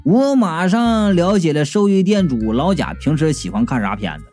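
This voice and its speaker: Lively audiobook storyteller. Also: medium pitch, moderate pace, soft background music. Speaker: narrator. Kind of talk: comic ghost-story audiobook narration.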